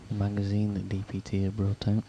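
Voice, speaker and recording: A man commentating live on a pool match, with hushed, dry, chatty asides between shots. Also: on the low side, monotone, fairly quick. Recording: noisy venue background.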